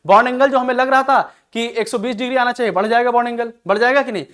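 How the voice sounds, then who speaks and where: A male chemistry teacher with a very high, fairly bright voice speaks very fast and fairly evenly in an exam-prep lecture. He keeps asking rhetorical questions and answering them himself, affectionately calling his students "beta."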